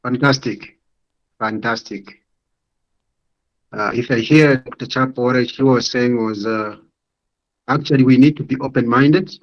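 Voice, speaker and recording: A man's voice: mid-range voice, unhurried, long pauses. A man moderating an online panel discussion, encouraging and inviting speakers to contribute. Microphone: video call. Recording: muffled lo-fi video call audio.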